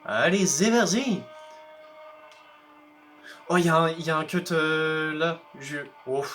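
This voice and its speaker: A young man commentating a racing game, playful and excitable, teasing rival drivers and yelping when things go wrong. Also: takes it slowly. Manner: playful, excitable, talks to rival drivers, bursts of high yelps. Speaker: gaming YouTuber. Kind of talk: let's play commentary. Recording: faint game music behind.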